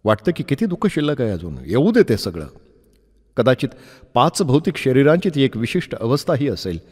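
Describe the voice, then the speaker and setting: A man with a Marathi accent reading a first-person novel aloud as an audiobook narrator, measured and dramatic, acting out the dialogue. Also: medium pitch, sing-song, a little mellow, breathy edge, long reverb tail.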